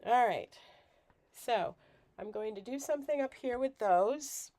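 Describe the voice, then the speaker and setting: A woman's voice: on the high side, lively intonation, measured pace, dark tone, dry recording. A woman hosting a casual crafting livestream while groggy and sick with a cold, chatty and rambling. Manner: rambling, chatty, self-deprecating.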